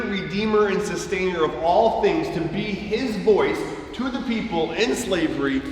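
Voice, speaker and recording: Pastor, male, unhurried emphatic sermon delivery, distant mic, long church reverb, faint room hum. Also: high voice. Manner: emphatic, repeats key phrases for weight. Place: church sanctuary. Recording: echoey hall from far off.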